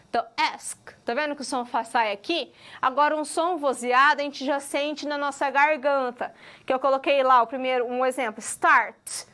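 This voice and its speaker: Woman, high voice, patient explaining, recorded lecture. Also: a bit bright. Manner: patient, drawn-out explaining, often checks understanding with "ok?". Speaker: English teacher.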